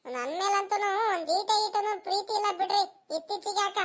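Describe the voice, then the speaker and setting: A voice actor playing a whiny village schoolboy in an animated cartoon, complaining in rural speech. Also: very high-pitched, fairly quick. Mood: whining.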